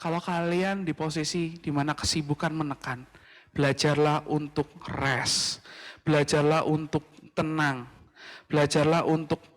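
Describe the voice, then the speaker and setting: A man's voice: on the high side, fairly even intonation, a little slow, long reverb tail. A man giving a casual youth sermon, chatty and sprinkled with English phrases. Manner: casual, mixing in English phrases, addressing "guys". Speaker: youth pastor. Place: church livestream.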